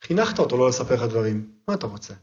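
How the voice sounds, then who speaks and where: A man's voice: roomy sound, highs cut off. A man as a podcast guest giving parenting advice through vivid, emphatic anecdotes. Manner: animated storyteller, emphatic, lively pitch swings.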